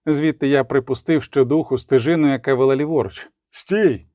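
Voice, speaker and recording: A man reading an audiobook as narrator, with lively dramatic emphasis and the dialogue lines voiced. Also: mid-range voice, a little fast, dry recording, clean studio sound. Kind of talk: scripted narration.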